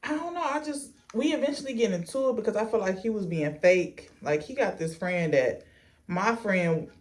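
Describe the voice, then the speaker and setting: A woman tells a story in a casual vlog style while getting ready. She is blunt and sassy, with plenty of swearing. Her medium-pitched delivery stops and starts as she goes. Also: animated. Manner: unhurried stop-and-start delivery while doing a get-ready-with-me. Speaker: storytime vlogger.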